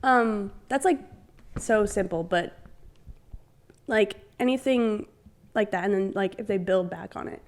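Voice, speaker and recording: A woman's voice: medium pitch, a little slow, long pauses. A young woman co-hosting a podcast in casual chat, rambling with lots of fillers and playful acted-out quotes. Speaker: podcast co-host.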